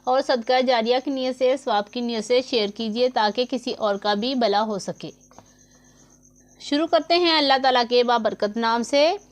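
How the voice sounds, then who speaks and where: A woman's voice: fairly high pitch, normal speed. A woman teaching Quran recitation rules, patiently explaining each letter and how long to hold it, recorded close to the mic. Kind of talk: slow step-by-step tajweed lesson.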